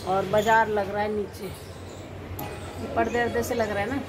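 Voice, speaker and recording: A woman chatting casually to her viewers in a home vlog, speaking slowly because of sore mouth ulcers. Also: medium pitch, flat delivery, reverberant, recorded from a distance, noisy background. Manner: chatty, often addresses viewers as guys. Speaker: family vlogger.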